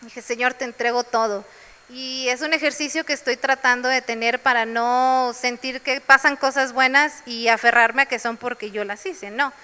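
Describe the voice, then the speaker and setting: A woman's voice: on the high side, steady tone, normal speed, bright, forceful tone, clean tone, in a large hall. A woman preaching a sermon in a church, sharing personal testimony.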